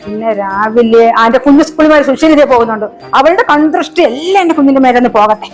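A woman talks fast and high as a fussy, doting grandmother, scolding and fretting without pause. Soft music plays underneath. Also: expressive, low-quality recording. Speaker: grandmother character. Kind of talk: comedy family sketch acting.

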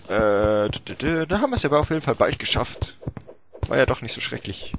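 A young man giving playful, self-mocking commentary on a game he is playing, often breaking into yelps and shouts. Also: fairly low pitch, noisy background. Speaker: let's play commentator. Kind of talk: casual gameplay commentary.

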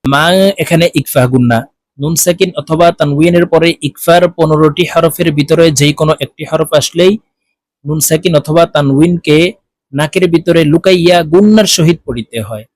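A man's voice: darkish tone, dry recording. A man teaching prayer recitation, explaining word by word and chanting the phrases drawn out. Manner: explains slowly, then chants Arabic phrases drawn out and higher. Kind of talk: religious lesson.

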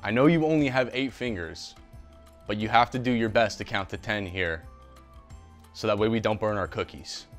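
At a moderate pace and fairly low pitch, the host talks cheerfully through his casual kitchen cooking show. The young man directs his chatter at a silent mascot next to him, with a lapel mic and faint music in the background.

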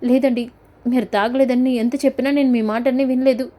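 A woman's voice: high-pitched, flat delivery, fairly quick, warm tone, natural voice. Woman voicing a remorseful young wife. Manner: apologetic.

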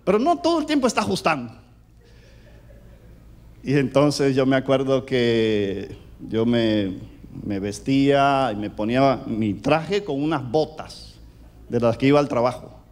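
A middle-aged man from the Caribbean with a Caribbean Spanish accent, preaching a sermon in a loud, animated way that swings between booming and hushed. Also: measured pace.

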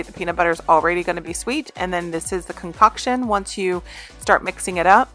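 A woman's voice: on the low side, a bit bright. A woman in her thirties talking casually about her meal prep as a home vlogger, with many ums and restarts. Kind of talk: casual voice-over narration.

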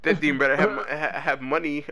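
A young man chatting casually while playing a game, given to loud excited outbursts. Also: a little high, fast talker, crowd noise. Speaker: gamer. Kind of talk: casual gaming chat.

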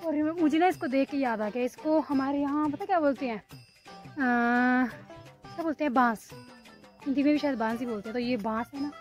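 A woman's voice: high voice, normal speed, soft background music. A young woman from Himachal Pradesh in India, chatting casually to viewers in her daily vlog as she walks through fields and her home, recorded on a handheld phone. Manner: chatty, playful, talks to viewers while walking. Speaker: vlogger. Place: outdoors, village fields and home.

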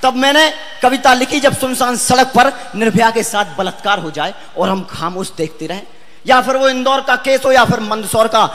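A poet from India recites his verse with passion, declaiming, sometimes half-singing and sometimes rising to shouts. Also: very high-pitched, animated, normal speed. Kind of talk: impassioned poetry recitation on stage. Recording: echoey hall sound.

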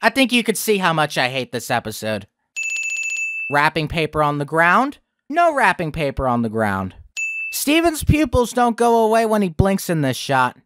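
A man's voice: a little high, wildly swooping pitch, normal speed, noisy background. A young man hosting a review video, with sarcastic, profane ranting commentary. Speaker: video critic host.

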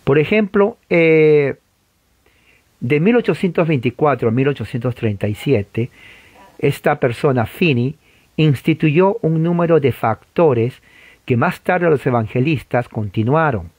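Animated man giving an informal lecture. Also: on the high side, a little slow, slightly rough, no room sound. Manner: animated, conversational, frequent rhetorical asides. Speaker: church history teacher.

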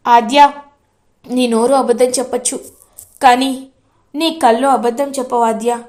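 A woman's voice: on the high side, steady tone, a little slow, darkish tone, lightly acted. A woman voicing an anguished young man pleading over a wedding he does not want, in a retold TV serial story.

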